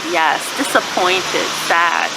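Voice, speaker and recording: A woman with a fairly low, gravelly voice reads a children's story aloud with lots of expression, and the recording is very noisy. She hosts a children's read-aloud channel and tells stories like a teacher, asking listeners questions and pausing to affirm their answers.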